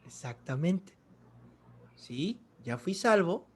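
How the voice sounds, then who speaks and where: A man's voice: high voice, very animated, slow, breathy edge. A middle-aged man teaching a theology class, asking his students rhetorical questions and answering them himself. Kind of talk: Bible class lecture.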